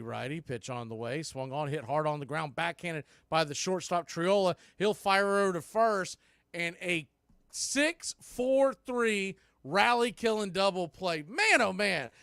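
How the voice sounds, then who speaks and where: A play-by-play announcer calls baseball on the radio, his voice rising sharply on big plays. It sits high with a bit of brightness, recorded dry in clean studio conditions.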